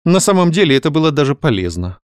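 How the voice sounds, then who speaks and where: A man voicing an excitable young woman novelist. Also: fast, no echo, studio quality. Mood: distracted, musing. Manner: animated, raised higher voice.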